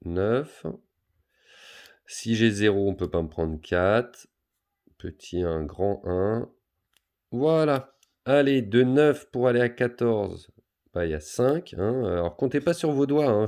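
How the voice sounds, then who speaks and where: Gravelly-voiced French male teacher. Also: on the low side, a little mellow. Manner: patient, talks pupils through each step, many fillers. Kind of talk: math lesson for pupils, explaining on a board.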